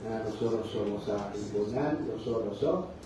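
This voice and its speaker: In a mosque hall, a man gives a religious lecture full of stories, playing out the dialogue and asking the crowd "kan?", in a Negeri Sembilan Malaysian Malay accent. He sits on the low side with a dark tone and moderate pace. A little hiss or hum runs through the dull, echoey, far-off recording.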